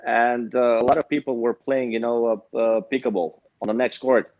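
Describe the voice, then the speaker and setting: A man's voice: mid-range voice, steady tone, moderate pace, dry recording. A man in his thirties from Romania with a Romanian accent, a guest in a casual interview, speaking hesitantly with many fillers. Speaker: guest, pickleball pro. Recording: dull, dry lo-fi sound.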